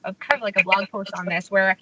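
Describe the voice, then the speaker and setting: Frank, bright-voiced woman chatting. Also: medium pitch, level tone, fast talker, highs cut off, slight background noise. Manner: frank, upbeat, swears casually. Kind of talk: casual chat.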